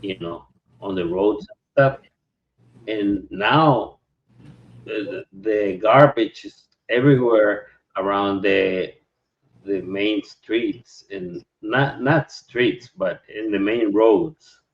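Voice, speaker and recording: A man from Nicaragua speaking slowly and reflectively in a casual chat, pausing often. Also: lowish voice. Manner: slow, reflective, with many pauses. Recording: dull lo-fi sound.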